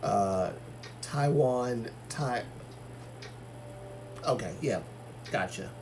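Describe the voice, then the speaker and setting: Chatting casually on his livestream, this Algerian host reads out viewer comments and shares his views, often restarting and using fillers. He speaks very slowly at a medium pitch with lively intonation, against a noisy background.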